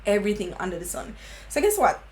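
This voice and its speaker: A woman's voice: medium pitch, sing-song, fast talker, a little mellow, a little hiss or hum, poor audio. A woman in her twenties with a Jamaican accent, chatting earnestly and slipping into patois. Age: 20s. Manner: earnest, laughing, slips into patois. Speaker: beauty vlogger. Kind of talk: casual chat.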